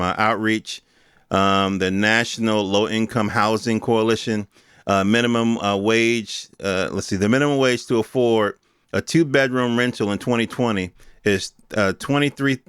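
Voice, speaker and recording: A middle-aged American man hosts a podcast in a fairly low, fairly bright voice, recorded clean and studio quality with no room sound. His casual monologue commentary rambles along, informal, streetwise and opinionated, emphatic and peppered with swearing.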